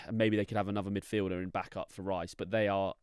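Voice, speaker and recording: A man co-hosts a football podcast in a relaxed, opinionated way. His voice sits a little low and comes across smooth and clear. The studio sound is dry and close. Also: no echo. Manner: relaxed, opinionated, quick agreeing fillers. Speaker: podcast co-host. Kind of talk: casual football chat.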